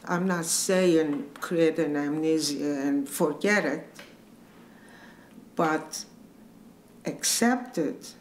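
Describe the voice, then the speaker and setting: A woman giving an earnest, deliberate view in an interview. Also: sits low. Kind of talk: reflective interview. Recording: echoey room, faint background hiss.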